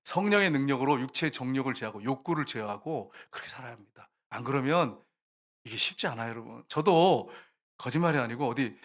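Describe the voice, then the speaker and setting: A man's voice: mid-range voice, animated, fast. A man preaching a sermon as a pastor, talking with the congregation, asking them questions and acting out quoted prayers. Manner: conversational, asks the congregation questions and answers them himself; acts out short quoted prayers and complaints.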